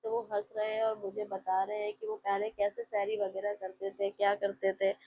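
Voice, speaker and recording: Chatty woman vlogger, gravelly voice. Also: medium pitch, moderate pace. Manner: chatty, confiding, addresses viewers directly. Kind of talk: casual vlog voice-over narration. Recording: slightly dull lo-fi with faint home ambience.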